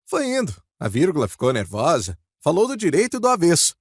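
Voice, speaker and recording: Guy reading a rhyming poem out loud, voice bouncing all over, fairly high for a man. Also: fairly quick, slightly rough, no echo, clean studio sound. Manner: lilting, expressive reading. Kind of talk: poetry recitation.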